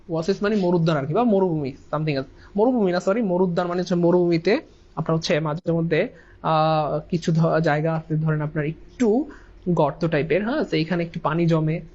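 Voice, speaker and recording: A man with a high voice teaches English grammar. He keeps repeating his points, then asks a question and answers it himself. The recording sounds dull and lo-fi. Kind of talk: online grammar lesson.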